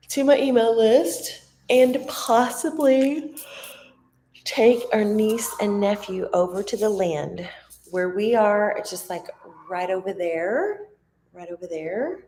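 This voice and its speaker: A woman vlogs from a resort, talking in a rambling, heartfelt way. Her voice sits low with a gravelly edge. She takes her time, drifting from thought to thought. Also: dark tone, slight background noise. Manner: rambling, heartfelt, searching for words. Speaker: vlogger and mom. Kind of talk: casual reflective vlog talk. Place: at a resort on vacation.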